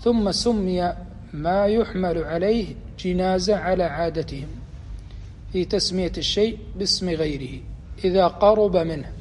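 A man teaching a religious lesson, explaining deliberately and quizzing his students as he goes. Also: sits high, a little mellow, slight background noise. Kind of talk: explanatory lecture. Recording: long reverb, faint ambience.

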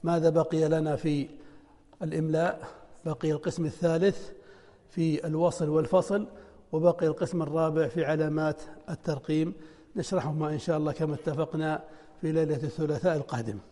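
A man's voice: fairly high pitch, steady tone, quick pace, warm tone, in a large hall. A man teaching a spelling lesson, reading out exercises and answering them himself. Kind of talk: classroom lesson.

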